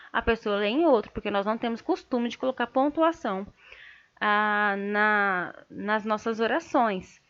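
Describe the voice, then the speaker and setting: Brazilian lady teacher, high voice, explains stuff step by step, keeps asking if you got it, kinda dull lo-fi sound. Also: fairly bright tone. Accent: Brazilian Portuguese. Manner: explanatory, checks understanding with tag questions. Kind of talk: online writing lesson.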